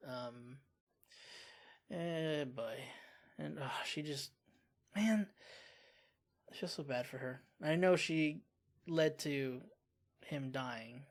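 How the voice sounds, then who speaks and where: A reaction channel host talking casually about a TV episode, expressive and quick to exclaim and sigh. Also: medium pitch. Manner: expressive, exclaims and sighs often.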